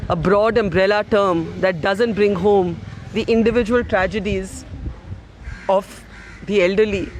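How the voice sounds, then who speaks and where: Male reporter, earnest, measured, high voice, slow delivery, outdoor station, faint noise behind. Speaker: news reporter. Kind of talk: field news report.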